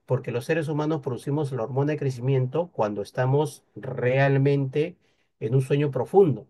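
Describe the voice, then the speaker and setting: A man's voice: mid-range voice, normal speed, dark tone. A man, giving an explanatory talk on nutrition and rest to an audience, teacherly, with frequent rhetorical questions. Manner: didactic, peppered with rhetorical questions. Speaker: invited speaker on nutrition.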